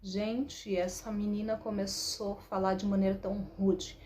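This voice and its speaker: A woman in her thirties with a Brazilian Portuguese accent, telling stories about parenting in a chatty, animated way that keeps adding "né". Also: medium pitch, normal speed, slight background noise. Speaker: parenting talk host, mother. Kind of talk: casual storytelling talk.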